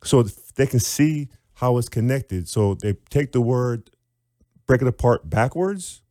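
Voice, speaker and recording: A man's voice: mid-range voice, a little slow, dry recording, studio quality. A man, an author and reading teacher, explaining his method in an interview and sounding out syllables aloud. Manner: animated, demonstrates sounds aloud.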